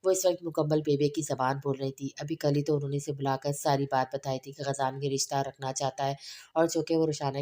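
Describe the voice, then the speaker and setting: Brief: woman narrator for an audio novel, low, dark, flat delivery.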